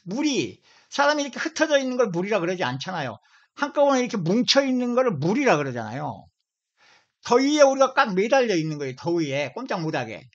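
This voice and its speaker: A man's voice: high voice, very animated, fairly quick, fairly bright tone. A man from Seoul giving an informal video lecture, emphatic, often repeating and stretching out single words. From Seoul, South Korea. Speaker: lecturer on language origins. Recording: dull lo-fi audio.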